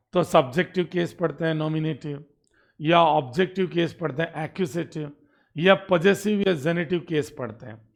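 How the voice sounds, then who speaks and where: A male teacher walking through an exam paper in a lecture. He reads the English sentences out slowly and keeps checking whether the students follow. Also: on the high side, creaky. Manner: explains step by step in Hindi, reading English sentences out slowly; asks "ठीक है?" to check understanding.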